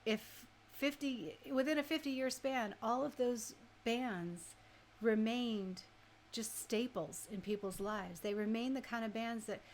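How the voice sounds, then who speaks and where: A woman radio DJ hosts a music show, chatting casually with listeners, asking rhetorical questions and often using tag questions to check they agree. Her voice is a little high and slow, with a faint hiss or hum.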